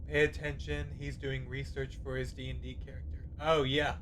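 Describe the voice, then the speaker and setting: A man's voice: mid-range voice, level tone, moderate pace, background noise. A man giving casual live commentary as he streams a game.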